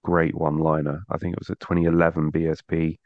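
A man's voice: a bass voice, completely flat delivery, fast talker, no room sound, phone-quality sound. A man co-hosting a motorsport podcast in casual chat, rambling and restarting his sentences. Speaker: podcast co-host.

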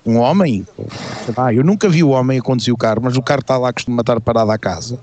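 Fast-talking Portuguese man chatting on a live stream. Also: medium pitch, darkish tone. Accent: European Portuguese. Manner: rambling, repeats phrases. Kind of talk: casual chat, telling anecdotes.

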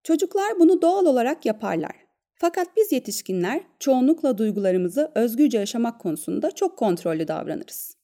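Mellow-voiced woman, calm podcast instructor. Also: on the high side, a little fast. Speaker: psychologist and breathing therapist, podcast host. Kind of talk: scripted podcast narration with guided breathing exercise.

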